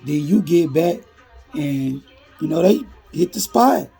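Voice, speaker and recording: A man quoting his suspicious young business partner in a street storytime. The delivery is blunt and cursing, with a husky, gravelly voice over faint music. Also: on the high side, animated, slow, warm tone, full character voice. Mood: accusing.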